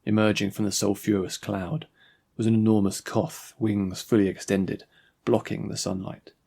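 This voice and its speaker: Man, author-narrator, scripted audiobook narration, measured, husky voice. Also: on the low side, flat delivery, warm tone.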